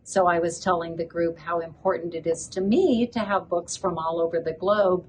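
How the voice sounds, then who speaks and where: A woman's voice: lowish voice, steady tone, normal speed, slight background noise, poor audio. An older woman who grew up in Ethiopia, a children's book author, speaking earnestly as an interview guest at a conference. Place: conference venue.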